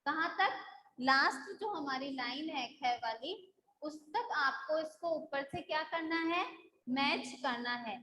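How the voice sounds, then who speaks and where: A woman's voice: high voice, slow pace, pushed and bright, echoey room, poor audio. A woman school teacher taking a live online class, patiently drilling syllables and checking that the students follow.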